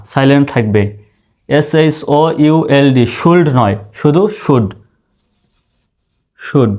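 A man's voice: a little high, a little mellow. A man teaching English pronunciation, spelling each word letter by letter before sounding it out. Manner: spells words letter by letter, then says them slowly.

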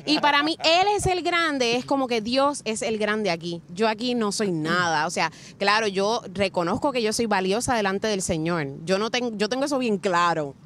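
A woman's voice: medium pitch, animated, normal speed, hardly any pauses, fairly bright tone, a little hiss or hum. A young woman in casual chat as a podcast guest, talking earnestly and expressively and acting out quotes.

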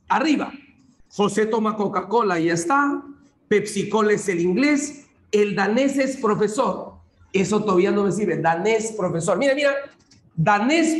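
A man with a Peruvian accent teaching an online class, working through a logic puzzle step by step and repeating his cues to coax students along. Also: sits high. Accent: Peruvian Spanish. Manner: repetitive, coaxing, keeps saying "mira" and "sigue". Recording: echoey room.

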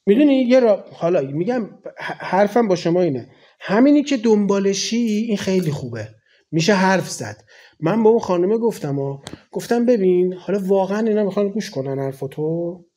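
A man's voice: high voice, lively intonation, dark tone. A man in his forties from Iran, a cleric giving a colloquial, conversational sermon full of rhetorical questions. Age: 40s.

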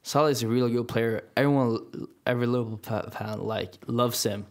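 A man's voice: medium pitch, fairly even intonation, a little fast, a little mellow. A young man, chatting casually and rambling with many restarts and fillers. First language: Norwegian. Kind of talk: casual chat.

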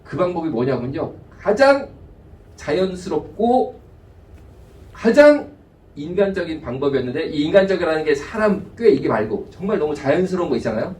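A man preaching with a high-pitched voice, lively and acting out little asides. His voice rings through an echoey sanctuary and sounds set back from the mic. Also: moderate pace, far from the mic. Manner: animated preaching, voices God and people in asides. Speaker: pastor. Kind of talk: sermon. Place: church sanctuary.

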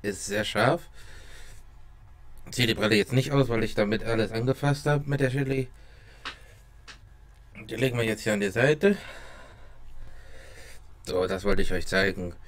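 A young man talking casually to camera at a close mic, halting, his mouth burning and watering from spicy food. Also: mid-range voice, expressive, slight background noise. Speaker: vlogger doing a hot chili taste test. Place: small dim room at home. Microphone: close desk microphone with pop filter.

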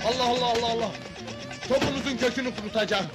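A high-voiced, swearing doorman from an old comedy film, all bluster. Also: fairly even intonation, racing, over loud music. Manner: loud, blustering, swears freely. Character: brash comic male apartment doorman, scheming. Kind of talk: 1970s comedy film acting.

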